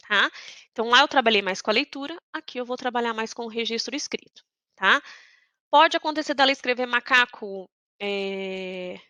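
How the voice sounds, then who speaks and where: A woman from Brazil walks her listeners through a literacy lesson, checking in after nearly every point. Her voice is bright and a little high, and the recording is dry and close with no room sound. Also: no room sound. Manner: explanatory, checks in with "tá?". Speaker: literacy teacher. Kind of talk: teaching lesson.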